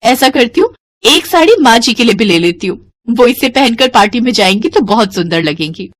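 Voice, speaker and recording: A woman's voice: fairly high pitch, lively intonation, brisk. A woman doing a meek young daughter-in-law. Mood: pleased. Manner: polite, eager. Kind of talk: animated family story voice acting.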